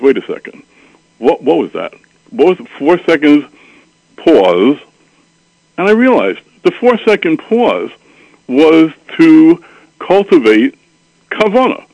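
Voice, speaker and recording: A man's voice: mid-range voice, no echo, low-quality recording. Man, parenting counselor, thoughtful and explanatory interview answer, mid-range voice, dry close sound. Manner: thoughtful, explanatory, sprinkles Hebrew and Yiddish terms.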